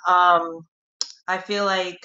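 A woman's voice: on the low side, level tone, extremely slow, bright, forceful tone, muffled recording. A woman in her late twenties from Congo, calling in and speaking earnestly with lots of "like" and "um". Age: 20s. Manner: earnest, reflective, lots of fillers. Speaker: caller.

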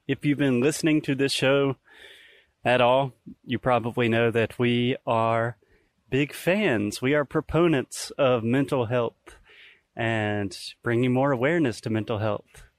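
A man's voice: mid-range voice, measured pace, no echo. A man in his early thirties hosting a podcast in casual, explanatory talk, recorded outdoors on a walk. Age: early 30s. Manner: explanatory, conversational. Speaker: podcast host. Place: outdoors in nature, recorded while walking.

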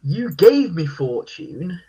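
A man hosting a casual quiz, reading out lines in a flat, deadpan voice. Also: fairly high pitch, slow pace, breathy edge, low-quality recording. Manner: reads lyrics in a deadpan voice. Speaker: quiz host.

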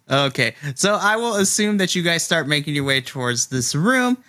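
Brief: male dungeon master, bright tone, animated, laughs a lot. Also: fairly high pitch, normal speed. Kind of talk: narrating a tabletop game.

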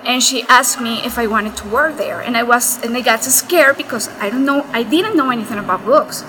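A woman from Colombia speaking English with a Colombian Spanish accent, answering slowly and searching for words in a bookstore cafe. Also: fairly high pitch, pushed and bright. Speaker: bookstore owner. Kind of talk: casual interview answers. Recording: echoey room with faint noise.

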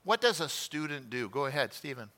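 Leading a sermon class in a conversational, self-deprecating style, a middle-aged pastor tells home stories and puts questions to the room. He speaks a little fast in a very animated, pushed and bright mid-range voice.

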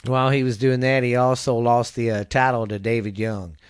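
A man's voice: medium pitch, little pitch movement, fairly quick, clear, resonant tone. A man hosting a casual podcast, reading a wrestling history recap from notes, often stumbling over names, correcting himself and chuckling at his slips. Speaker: podcast host.

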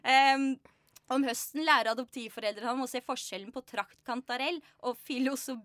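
Bright, high-voiced woman reading her book. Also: dry recording. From Norway, Drammen. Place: radio studio.

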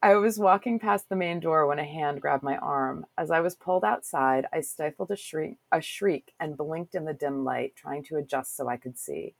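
A woman's voice: deep voice, moderate pace, creaky, few pauses, rough recording. A woman hosting a casual interview with a chatty, curious, self-deprecating manner, who also reads a passage aloud. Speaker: podcast host.

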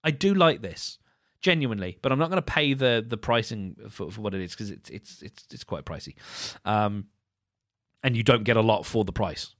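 A man's voice: lowish voice, animated, normal speed, fairly bright tone, no room sound, studio quality. A man hosting a podcast, giving casual solo commentary in a wry, mocking way, with many restarts and repeated words. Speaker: podcast host.

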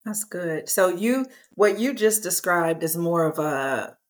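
A woman's voice: fairly low pitch, expressive, takes it slowly. A woman hosting a faith podcast, affirming her guest and summing up her points in a reflective way. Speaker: podcast host.

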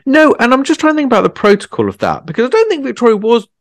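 A man hosting a casual history podcast, chatty and jokey, quick to laugh along. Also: extremely high pitch, huge pitch swings, no echo. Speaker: podcast host. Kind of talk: casual chat.

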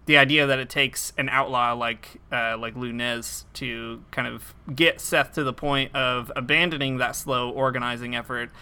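A man's voice: medium pitch, fairly even intonation, normal speed, few pauses, sharp tone, smooth. A man co-hosting a podcast, chatting casually about a TV episode, laughing often and restarting his sentences. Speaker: podcast co-host.

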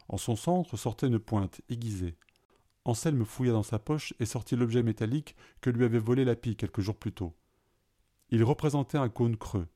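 A man reading an adventure story aloud in a calm, even narrating voice. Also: mid-range voice.

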